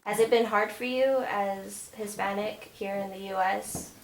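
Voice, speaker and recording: A woman's voice: mid-range voice, steady tone, measured pace, creaky. A young woman interviewing a friend's mother in a casual, encouraging way, with lots of small affirmations. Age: young adult. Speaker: student interviewer. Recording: echoey room, faint hiss.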